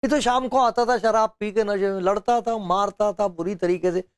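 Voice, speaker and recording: This older man is a pastor giving a sermon to camera, miked with a lapel mic in an indoor studio with bookshelves. He has a high-pitched, steady voice at a moderate pace, with a clean tone, no echo and clean studio sound. Storytelling drives his delivery as he acts out quotes, chuckling, laughing and gesturing.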